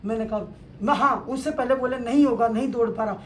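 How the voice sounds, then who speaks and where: A woman from Delhi gives an earnest testimony with a fairly high voice. She recounts her story to a spiritual leader, quoting exclamations along the way. Faint hiss runs under the recording. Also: brisk. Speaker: devotee. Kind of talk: emotional testimony.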